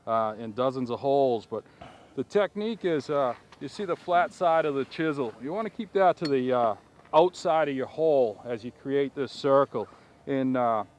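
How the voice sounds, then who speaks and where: A man explaining a fishing technique in a casual, halting, hands-on way outdoors. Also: a little high. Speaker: ice fishing guest demonstrating technique. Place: outdoors on a frozen pond. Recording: noisy outdoor location sound.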